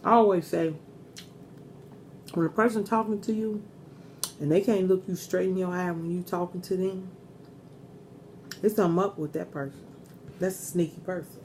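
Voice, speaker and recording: A woman's voice: on the low side, fairly even intonation, moderate pace, pauses often, darkish tone, a little hiss or hum. A middle-aged woman chatting casually and giving earnest advice while eating crunchy fried chicken in a mukbang. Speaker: mukbang host.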